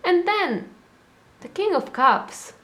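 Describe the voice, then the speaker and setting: A woman's voice: very high-pitched, slow pace. Chatty woman giving a tarot reading. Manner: chatty, animated, acts out inner voices. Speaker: tarot reader. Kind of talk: casual tarot reading to camera.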